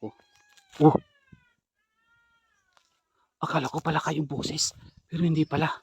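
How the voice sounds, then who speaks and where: Man, ghost hunter, night vlog, fairly high voice, hushed tense narration, handheld camera outdoors. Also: flat delivery, a little slow, creaky, slightly rough, no room sound. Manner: hushed, tense narration to viewers, sometimes shouting at something unseen.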